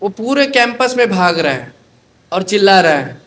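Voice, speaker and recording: High-voiced animated male preacher. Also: normal speed. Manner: animated storyteller, mixing in English phrases. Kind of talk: storytelling sermon.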